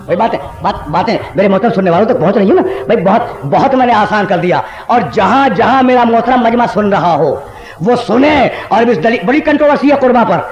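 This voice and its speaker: A man, a religious scholar, delivering a Muharram sermon to a large outdoor gathering, asking the crowd rhetorical questions and rising to impassioned shouts. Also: sits high, expressive. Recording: echoey, dull lo-fi 1990s tape of loudspeakers.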